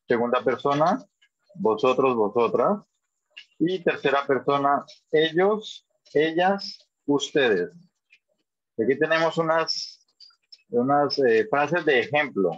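A man's voice: mid-range voice, animated, takes it slowly, pauses often, no echo. A man teaching a Spanish class over a video call, patient and encouraging, often checking that students follow. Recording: dull lo-fi call audio.

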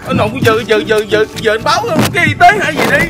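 A man playing a shrill, stammering panicky girl. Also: lively intonation, fast. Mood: panicked. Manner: stammering, repeating words in panic. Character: shrill panicky young woman, easily frightened. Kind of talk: comedy prank skit. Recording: loud music and crowd noise behind.

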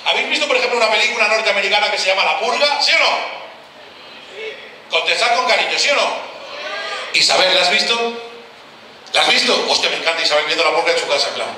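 Brash, fast-talking comedian on stage. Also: male voice, high voice, expressive, sharp tone, slight background noise. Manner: brash, teasing, swears freely, quick banter with the audience. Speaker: stand-up comedian. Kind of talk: live stand-up with crowd work. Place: outdoor town festival stage. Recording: echoey live stage sound from a distance.

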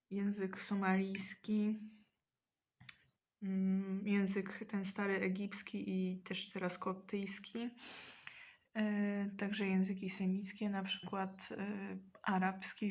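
A woman talking casually in a mukbang while eating, hesitant and often pausing mid-sentence to think. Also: mid-range voice. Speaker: mukbang vlogger.

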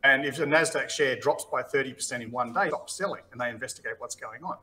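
A man, a podcast guest telling lively stories and acting out what others said. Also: mid-range voice, fast, a little hiss or hum, rough recording. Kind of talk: casual interview storytelling.

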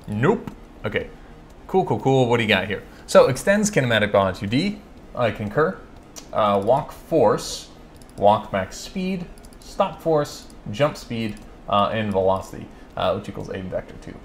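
A fairly low-voiced man from California hosts a casual live coding stream. He thinks aloud as he works, reading code out slowly and correcting himself with plenty of ums and uhs. A faint background hiss sits under his voice. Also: very animated. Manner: chatty, thinks aloud, frequent fillers and self-corrections; reads code aloud slowly while typing. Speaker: livestream host answering coding questions.

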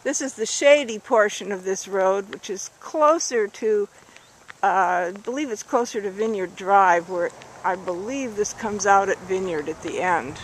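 A woman narrating her walk along a rural road at dusk, thinking aloud and correcting herself as she films with a handheld camera. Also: a little slow. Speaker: hiker filming a walk. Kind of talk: casual narrated walk video. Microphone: handheld camera mic. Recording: faint outdoor noise, handheld camera. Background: distant highway traffic.

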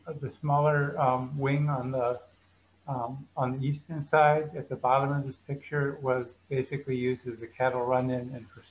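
A man's voice: medium pitch, a little hiss or hum, rough recording. A man guiding viewers through a slideshow tour of a museum building, explaining at an easy pace with frequent ums.

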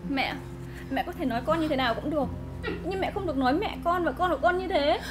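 A woman's voice: high-pitched, fast talker, music in the background, lightly acted. An actress playing a young wife and mother who speaks earnestly and anxiously to her mother-in-law. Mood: distressed. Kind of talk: web drama acting.

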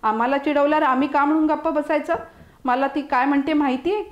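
A woman's voice: high-pitched, steady tone, quick pace, roomy sound, highs cut off, lightly acted. A woman voicing a proud male guard dog who grumbles about being left out, in a storybook reading. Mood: defiant.

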